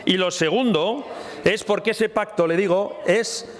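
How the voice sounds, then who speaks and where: A man's voice: high voice, a little slow. A man giving a combative parliamentary speech, repeatedly addressing his opponent by name. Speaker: parliamentary spokesman. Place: parliament chamber. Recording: reverberant chamber with murmuring crowd.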